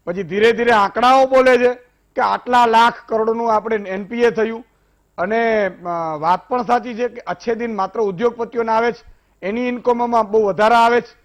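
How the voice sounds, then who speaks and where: Male TV debate anchor, Gujarati accent, high voice, fiery and rhetorical, drops to a hush when telling a story. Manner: impassioned, rhetorical, shifts from loud to hushed storytelling. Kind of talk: animated TV debate hosting with a folk story.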